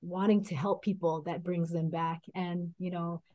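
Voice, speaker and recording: A woman doctor, a guest in an interview, speaking in a measured, admiring way. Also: on the low side, flat delivery, dark tone. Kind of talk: interview talk.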